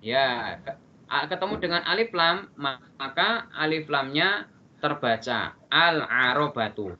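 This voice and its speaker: A man's voice: a little high, very animated, measured pace. A man teaching a Quran reading lesson in an online class, explaining rules patiently and often checking that students understand. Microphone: video call. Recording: muffled online call audio.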